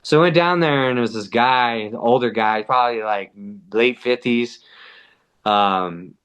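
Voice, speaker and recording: A man's voice: mid-range voice, a little slow, a bit bright, clean tone. A man from the US–Mexico border region, a podcast guest, telling a story in a loose, slangy way, full of "like" and swearing. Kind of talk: casual storytelling.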